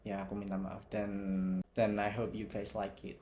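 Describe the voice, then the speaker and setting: A man's voice: fairly low pitch, completely flat delivery, normal speed, darkish tone, a little hiss or hum. A young man from Java with a Javanese accent, giving a casual reflective video commentary and slipping between Javanese, Indonesian and English. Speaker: video essayist.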